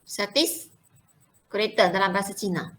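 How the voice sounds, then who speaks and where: A woman leads a classroom pronunciation drill. Her voice is bright and forceful, and she repeats each word slowly and clearly. She switches into English now and then. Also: mid-range voice, steady tone, poor audio. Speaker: Mandarin language teacher.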